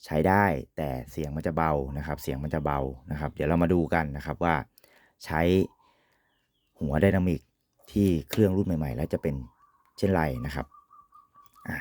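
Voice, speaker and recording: Deep-voiced man explaining gear. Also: moderate pace, pauses often, a little mellow, dry recording, clean studio sound. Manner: polite, repetitive sentence-ending particles. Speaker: radio equipment reviewer. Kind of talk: informal explanatory product demonstration.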